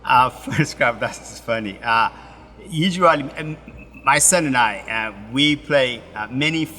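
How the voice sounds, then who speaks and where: A middle-aged man from Ethiopia, a pastor, telling his life story in halting, broken with many restarts. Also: medium pitch, pushed and bright, long reverb tail. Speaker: pastor, interview guest. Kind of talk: personal story in an interview.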